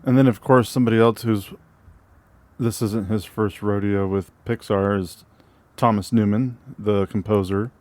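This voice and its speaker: A man co-hosting a casual movie podcast. He reads film credits haltingly, with many fillers and restarts. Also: lowish voice, steady tone, darkish tone, no echo. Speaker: podcast co-host.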